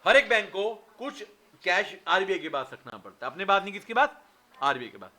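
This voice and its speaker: A man's voice: high-pitched, big pitch swings, fairly quick, sharp tone. A man in his thirties teaching an exam revision lecture, firing questions at his students and answering them himself, with Indian-accented English words.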